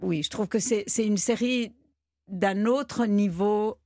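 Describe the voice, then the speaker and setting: A woman's voice: mid-range voice, slow, a little mellow, no echo, studio quality. A woman from Argentina, a guest in a radio interview, who talks hesitantly and searches for her words. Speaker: guest, TV studio head.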